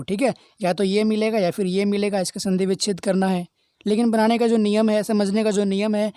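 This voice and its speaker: A man's voice: high voice, a little mellow, dry recording, clean studio sound. A male teacher giving a step-by-step grammar revision lesson, often asking students whether they follow. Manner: keeps checking understanding with quick questions; explains step by step, answering his own questions.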